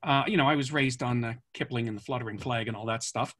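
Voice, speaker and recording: A man with a husky, slightly rough voice spins long, rambling anecdotes as an interview guest. He pauses often with "uh" and "um" and restarts his sentences, but keeps a relaxed storytelling flow at an ordinary pitch. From born in France, raised in Canada. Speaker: author guest.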